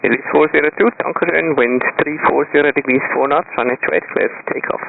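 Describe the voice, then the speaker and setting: A man's voice: a little high, fairly even intonation, fast talker, creaky. A man working as an air traffic controller over radio, giving clipped, courteous standard instructions. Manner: procedural, courteous, with short greetings. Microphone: radio transmission. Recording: tinny narrow-band aviation radio.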